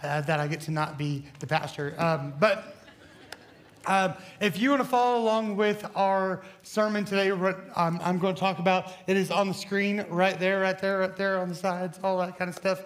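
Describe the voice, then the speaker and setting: A student pastor, a young man, delivers a casual, joking sermon in a church hall, his voice hoarse and scratchy from bronchitis and high-pitched for a man. His tone stays steady and his pace moderate as he rambles, pokes fun at himself, and stumbles through fillers and restarts.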